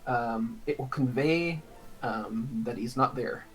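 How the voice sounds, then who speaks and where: A man's voice: mid-range voice, slow, husky, faint music behind, poor audio. A man running a tabletop game as game master, easygoing and chuckling between rulings.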